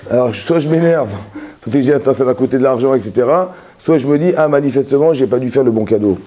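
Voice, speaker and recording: A man's voice: medium pitch, lively intonation, fast talker, warm tone, a little hiss or hum. A man, a rabbi, giving a Torah lesson that explains with everyday examples, with many restarts and repeated words, often checking that his listeners follow.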